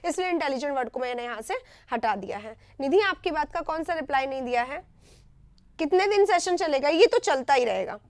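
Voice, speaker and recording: Indian woman teacher doing a live vocab class, high voice, dry close mic, keeps saying right? after every word. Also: lively intonation, a little fast, no echo. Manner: explains words in repeated short phrases, asks "right?".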